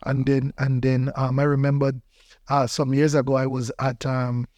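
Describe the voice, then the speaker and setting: This man from Belize, a pastor with a Belizean accent, shares personal stories on a podcast and emphatically repeats phrases for effect. His voice is mid-range, monotone, and a little mellow, moving at normal speed in a dry recording.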